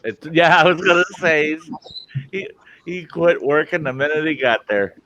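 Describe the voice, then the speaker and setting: A man's voice: a little high, moderate pace, dull audio, very noisy. A man chatting casually in a joking manner.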